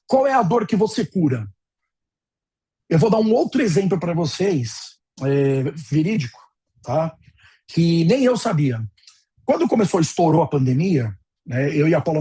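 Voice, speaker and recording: A man's voice: on the high side, dark tone, slightly rough. A Brazilian man in his forties giving a conversational webinar lecture as a dental practice consultant, checking in with his listeners often and telling personal stories. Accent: Brazilian Portuguese. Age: 40s. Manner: conversational, checks in with frequent tag questions, tells personal stories.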